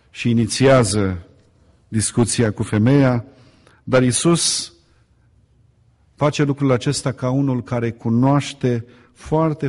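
A man's voice: mid-range voice, darkish tone. A man preaching a sermon, addressing the congregation with rhetorical questions and building emphasis by repeating phrases. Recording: long hall reverb.

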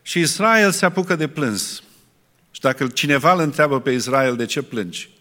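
A man's voice: a little high, animated, bright, forceful tone, big-room sound. A man preaching a sermon earnestly, asking his listeners rhetorical questions.

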